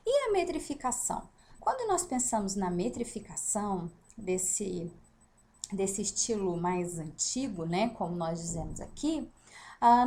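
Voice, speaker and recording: Slow, lively-pitched Brazilian teacher. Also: female voice. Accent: Brazilian Portuguese. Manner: explanatory, with frequent rhetorical questions and "né?" check-ins. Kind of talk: recorded lesson on poetry.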